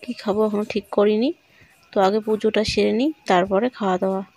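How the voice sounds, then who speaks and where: A woman's voice: mid-range voice, steady tone, fast, a little mellow. A young woman talks viewers through her household chores and her two daughters in a chatty home vlog. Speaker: vlogger, mother of two daughters. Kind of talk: casual vlog narration of daily chores. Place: home and courtyard by a water tap.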